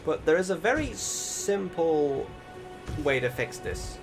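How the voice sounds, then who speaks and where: Speaking slowly, this game commentator has a slightly high voice that swings widely in pitch. Loud music runs under his casual, informal gameplay voice-over, which is rambling, hesitant, and sprinkled with some swearing.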